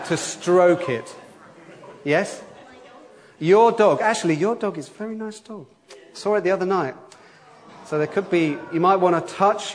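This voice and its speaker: A man, somewhat high-voiced, talks gently with the children during a church service. He reads scripture and asks questions in an easy, conversational way. His voice rings with the long reverb of a church hall. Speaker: preacher.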